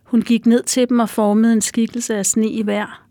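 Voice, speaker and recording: A woman author reading a passage from her own novel in a soft, measured way. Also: a little high, little pitch movement, no echo, studio quality.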